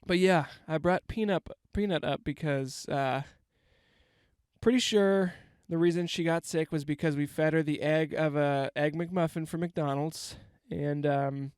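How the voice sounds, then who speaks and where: Congested young male podcast host, a little high and smooth, rambling and self-deprecating. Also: fairly even intonation, moderate pace, a little mellow, dry recording. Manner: rambling, self-mocking jokes. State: stuffy, congested from a cold. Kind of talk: casual comedic monologue. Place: inside a parked van. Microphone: handheld microphone.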